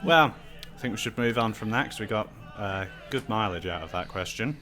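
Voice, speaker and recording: A man hosting a Q&A discussion chats casually and conversationally, with music playing behind him. His lowish voice is animated, a little fast, pushed and bright.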